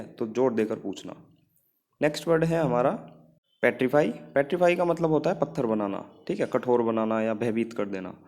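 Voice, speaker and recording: A man's voice: mid-range voice, a little mellow. A man teaching English vocabulary in Hindi, mixing in English words and often checking in with "ठीक है" as he gives memory tricks.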